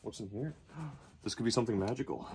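A man's voice: medium pitch, fast, very noisy. A man giving casual commentary to himself as he digs through boxes in a cluttered storage locker. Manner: mutters to himself while digging through boxes. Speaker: reseller vlogger.

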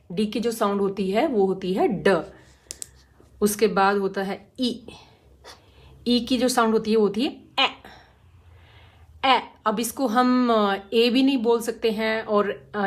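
A woman teaching phonics, explaining each letter patiently and demonstrating its sound again and again. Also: mid-range voice. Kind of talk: slow, careful phonics lesson.

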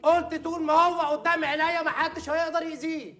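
A stern sheikh warning of a jinn, chanting prayers and ordering everyone to stay put, as a prankster puts him on. The voice sits very high and talks very fast. Music and a crowd murmur behind him. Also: male voice, level tone. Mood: commanding. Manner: commanding, chanting prayers loudly. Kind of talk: hidden-camera prank acting.

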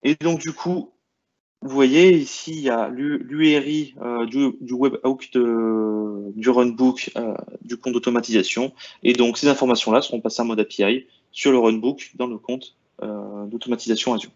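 A man's voice: medium pitch, steady tone, moderate pace, a little mellow, muffled recording. A man explaining cloud settings in a screen-share walkthrough, hesitating often with fillers and restarts. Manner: hesitant, many "euh" and restarts while clicking through settings. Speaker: IT presenter.

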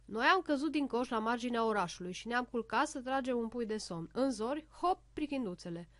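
A woman's voice: on the high side, animated, no echo, lightly acted. A woman voicing a fussy little doctor turned patient. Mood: complaining. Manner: complaining, whispering confidingly.

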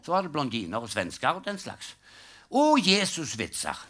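A man's voice: fairly high pitch, huge pitch swings, a bit bright. An older man doing a live stand-up routine, telling jokes in a dry storytelling way and acting out the punchlines. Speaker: stand-up comedian. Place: live comedy stage.

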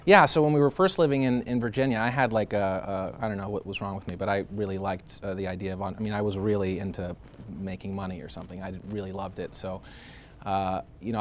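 A Greek-born man in his thirties chats loosely in an interview, rambling with plenty of fillers, false starts and frequent laughter. His voice sits on the low side with fairly even intonation and a quick pace, over a slight hiss or hum.

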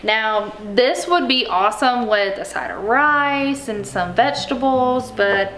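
A woman's voice: on the high side, animated, measured pace, fairly bright tone, echoey room. A woman cooking at home, casually explaining her recipe step by step as she goes. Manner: explains steps plainly and chattily. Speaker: home cook.

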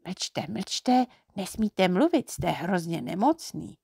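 Storybook girl, fussy and teasing, high and a little gravelly; a woman reader puts her on. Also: lively intonation, dry recording, studio quality. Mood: teasing, chiding. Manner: chiding, quick to scold and tease.

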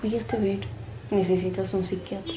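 A woman's voice: medium pitch, fairly even intonation, moderate pace, close to an everyday voice. An actress playing a blunt young woman who scolds in a dry, teasing way. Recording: loud noise, distant mic.

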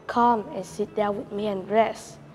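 A tired old man, as a woman reader puts him on talks low and wearily. The tone is mellow and flat, caught some way from the mic in a storybook telling. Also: a little slow, soft background music, close to an everyday voice. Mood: weary.

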